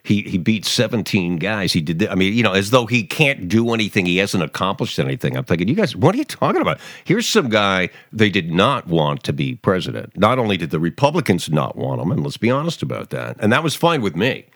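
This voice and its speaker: A low-voiced man hosts his daily podcast with a lively, swooping delivery. He rambles sarcastically, restarting sentences and tossing in fillers. The sound is dry and close to the mic. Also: fairly quick, few pauses, dry recording. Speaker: podcast host. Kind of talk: opinionated talk podcast monologue.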